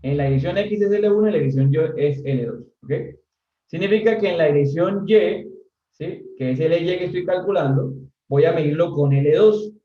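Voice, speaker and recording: A man teaches a civil engineering class in a casual, talkative style, his voice on the high side and his pace moderate. He teases his students and keeps tossing in "¿sí?" to see if they follow. Captured off mic, the recording sounds dull and roomy.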